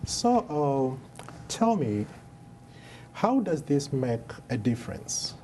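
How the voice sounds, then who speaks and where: A man's voice: mid-range voice, sing-song, slow pace, dark tone, slight background noise. A man hosting a TV interview, asking loose, rambling questions. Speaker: TV show host.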